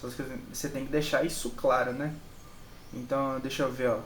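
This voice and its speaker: A man's voice: mid-range voice, little pitch movement, a little fast. Brazilian man, Brazilian Portuguese accent, casual study walkthrough, repeats examples, checks in often, echoey room. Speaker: channel host and Japanese learner. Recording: echoey room with faint background noise.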